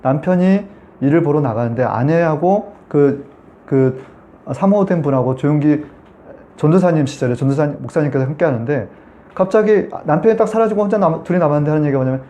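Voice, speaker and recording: A man's voice: on the high side, animated, fairly quick, dark tone. A man giving a Sunday sermon as pastor, telling a story and talking to the congregation in a conversational way.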